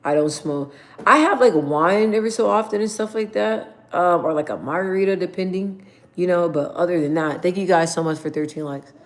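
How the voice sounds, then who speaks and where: A woman's voice: fairly low pitch, brisk. A woman in her thirties chatting casually with viewers on a livestream from her mother's house, rambling with lots of fillers and slang. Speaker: livestream host.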